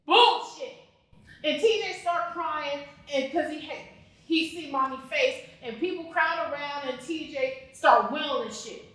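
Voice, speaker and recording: A woman's voice: high-pitched, unhurried, a bit bright. A young woman acting a monologue as a defiant mother facing eviction, talking bluntly and profanely and flaring into outrage. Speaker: student actor. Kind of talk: dramatic monologue. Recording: very echoey room, mic far off.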